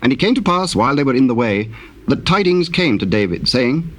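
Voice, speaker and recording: A man narrating a dramatized Bible, telling the story solemnly in measured, archaic English. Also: mid-range voice, sing-song, fairly bright tone, a little hiss or hum.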